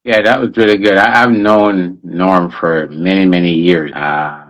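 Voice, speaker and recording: A low-pitched man hosts a live interview, friendly and conversational. He affirms his guest often and keeps the talk moving easily. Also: steady tone, unhurried, a bit bright, lo-fi sound. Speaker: interview host.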